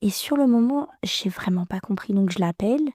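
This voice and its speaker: A woman in her thirties, a podcast guest, recounting a personal story in a halting, emotional way with many restarts. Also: mid-range voice, expressive, warm tone, no room sound, studio quality.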